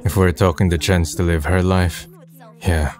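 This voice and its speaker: A man with a low, steady voice speaks at normal speed with a darkish tone, lightly acting the part of a gloomy, self-deprecating twenty-year-old. As narrator and protagonist, he delivers scripted first-person narration of his own story in a subdued, resigned way. Background music plays underneath.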